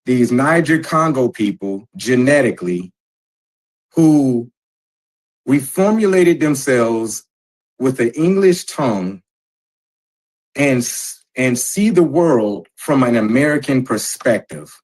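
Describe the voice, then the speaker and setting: A man moderating a casual panel discussion, explaining points in a measured, lecturing way. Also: medium pitch, expressive, darkish tone, low-quality recording.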